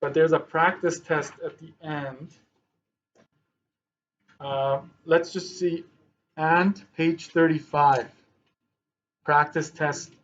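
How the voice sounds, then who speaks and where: A male math teacher working through problems in a class lesson, thinking aloud slowly, with dry sarcastic asides. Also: fairly high pitch, muffled recording.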